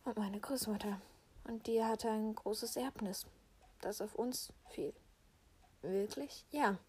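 A woman voicing a gentle mother in an amateur role-play voice-over, talking in a hushed, calm way. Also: mid-range voice, slow, slightly rough. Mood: hushed, serious. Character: gentle mother revealing a farm gift. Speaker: mother character.

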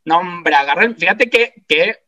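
A man with a Mexican Spanish accent, telling a story as a guest in a casual, animated, slangy way. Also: high voice, a little slow. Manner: animated, slangy, acts out quoted voices. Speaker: guest speaker. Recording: dull lo-fi sound.

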